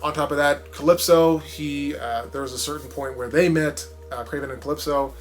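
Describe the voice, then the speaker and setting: A man giving a casual, rambling spoken film review, often restarting his sentences and swinging from loud to quiet. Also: fairly high pitch, normal speed, faint music behind. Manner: rambling, frequent restarts, animated swings in loudness. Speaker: movie reviewer.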